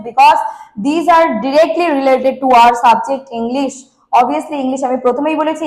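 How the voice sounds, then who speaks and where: Fast, high-voiced Bengali woman teacher. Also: darkish tone, poor audio. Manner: asks questions and answers them herself; repetitive, emphatic. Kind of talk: online exam-prep lesson.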